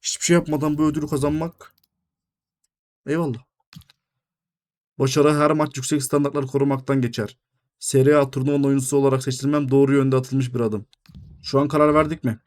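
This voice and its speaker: A young man commentating his own football video game, shouting at goals and griping at the referee. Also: medium pitch, little pitch movement, a little fast, long pauses. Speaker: gaming YouTuber.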